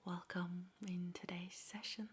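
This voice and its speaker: In an ASMR-style meditation, a woman whispers softly and breathily, taking her time and pausing in a measured way. Her pitch is on the low side and her tone stays level.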